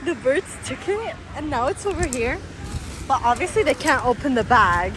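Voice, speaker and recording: A young woman with a very high, animated voice vlogs casually in slangy millennial style, switching between English and Arabic. She peppers her talk with "like" and "literally". It is recorded outdoors in a noisy, crowded spot. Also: normal speed. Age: young adult. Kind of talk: casual chat, vlogging with a friend. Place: outdoors on a public beach. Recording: noisy busy outdoor location, crowd around.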